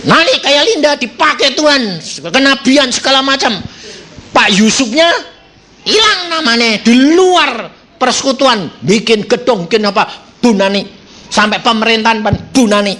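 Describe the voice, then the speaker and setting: A man's voice: extremely high pitch, moderate pace, bright, forceful tone. A man preaching a sermon and telling stories, acting out voices with laughter.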